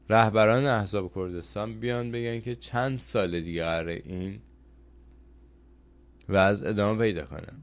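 A man with a very low voice speaks straight to his viewers in a political commentary monologue. He presses them with pointed rhetorical questions in an earnest, measured way, pausing between phrases. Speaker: host of a commentary program.

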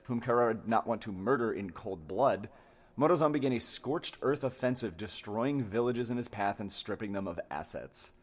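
A man co-hosting a podcast, reading a wiki article aloud with steady delivery and joking asides, in a crowded hotel room. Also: on the low side, normal speed. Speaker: podcast co-host. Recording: echoey room.

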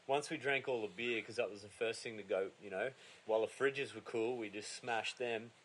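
A man's voice: on the low side, normal speed, fairly bright tone, slightly rough. Laddish Australian man swapping stories. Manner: laddish, bro-like, slangy and sweary. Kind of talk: casual anecdote chat.

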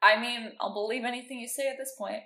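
A woman's voice: on the high side, steady tone, fast talker, sharp tone. A woman co-hosting a casual podcast chat, laughing often and explaining facts. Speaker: podcast co-host. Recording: roomy echo.

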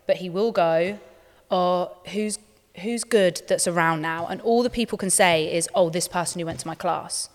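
A woman with a British accent and a slightly low voice gives practical, direct advice. She explains casually, posing questions and answering them, in a reverberant hall. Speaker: panel guest, dance industry mentor.

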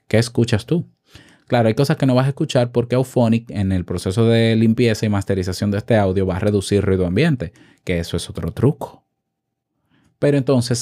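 A man's voice: lowish voice, mellow. A man hosting a podcast from a room at home, giving casual tips close to the mic and asking the listener questions. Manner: chatty, asks the listener questions. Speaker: podcast host. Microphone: shotgun mic held close.

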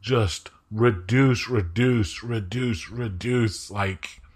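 A man narrating a tabletop game as game master, speaking slowly and deliberately with frequent hesitations. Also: lowish voice, slightly rough. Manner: slow, deliberate, hesitant with many fillers.

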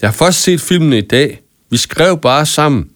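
Storybook boy, desperate and shamefaced, read by a man, pitched well above the reader. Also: lively intonation, fairly bright tone. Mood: explaining. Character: upset panicky schoolboy pleading.

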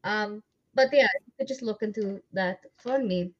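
A woman player in a tabletop game, talking in an animated, emphatic way and swearing freely. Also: mid-range voice, normal speed. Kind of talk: tabletop game play, casual chat. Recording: dull lo-fi sound.

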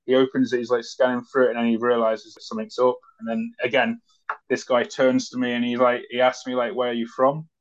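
A man's voice: mid-range voice, level tone, brisk. A man, a former soldier, recounting events as an interview guest in a loose, conversational way with many fillers. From Britain. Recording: dull lo-fi audio.

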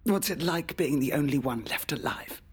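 Woman doing a breathy whispery unhinged mum, low-ish voice, menacing. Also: lively intonation, normal speed, full character voice. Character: bitter unhinged young mother.

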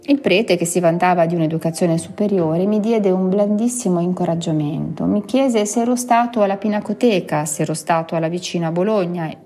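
A woman reading a classic short story aloud, measured and expressive. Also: fairly low pitch, faint music behind. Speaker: reader. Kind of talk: literary audiobook reading.

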